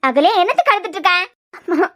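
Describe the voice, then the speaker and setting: A woman with a Kanyakumari Tamil accent voicing a sharp-tongued middle-aged mother who scolds loudly in a cartoon serial. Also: sing-song, quick pace, heavily acted. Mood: shrill. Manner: scolding, shrill.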